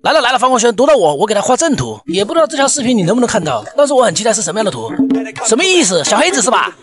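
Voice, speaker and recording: A high-pitched man hosts a gaming video, reading out fan comments in a joking, exclamatory way. His delivery is quick and very animated, peppered with Chinese internet slang. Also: music in the background.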